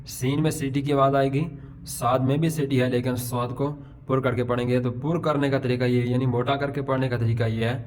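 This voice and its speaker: A middle-aged man teaches letter sounds to beginners at an ordinary mid pitch. He explains patiently and slowly stretches each example letter so learners can copy it. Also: level tone, a little mellow, slight background noise. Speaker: Quran pronunciation teacher. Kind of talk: Urdu alphabet lesson.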